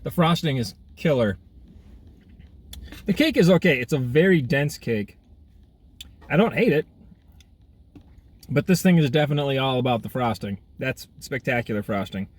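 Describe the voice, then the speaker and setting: A man's voice: mid-range voice, animated, normal speed, long pauses. A man casually reviewing food for a vlog, chatty and exclaiming as he eats outdoors. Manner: chatty, eating while talking, frequent exclamations. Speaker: food vlogger. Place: outdoors in half sun, half shade.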